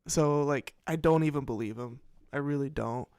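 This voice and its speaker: A man's voice: medium pitch, normal speed, a little mellow, clear, resonant tone, dry recording, studio quality. Rambling, swearing man hosting a commentary show. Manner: rambling, profane, self-interrupting; reads headlines aloud and reacts. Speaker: podcast host.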